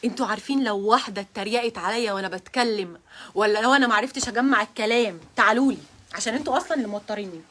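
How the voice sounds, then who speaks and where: A woman's voice: fairly high pitch, racing, a bit bright. A young woman with an Egyptian accent hosting a casual live stream, flustered and nervous and often breaking into giggles. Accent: Egyptian Arabic.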